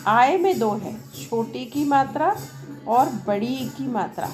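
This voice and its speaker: A woman English teacher with a somewhat high voice, speaking slowly and deliberately. She talks loudly over noise from a nearby event and keeps asking the class whether they have understood. Clear music from outside plays behind her voice throughout. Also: animated. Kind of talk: classroom lesson at a board, Hindi mixed with English. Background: music from a nearby program.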